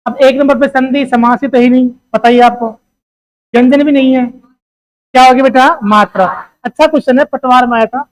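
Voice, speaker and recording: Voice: high voice, fairly even intonation, fairly quick, poor audio. A teacher giving an exam-prep grammar lesson. The teacher keeps asking questions, answers them, and calls the listeners "beta.".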